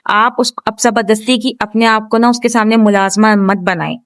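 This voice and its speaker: A woman's voice: fairly high pitch, fairly even intonation, dry recording. A woman with a Pakistani Urdu accent giving earnest, instructive relationship advice straight to the viewer in a vlog. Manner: earnest, instructive, speaks directly to wives. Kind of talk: advice talk to camera.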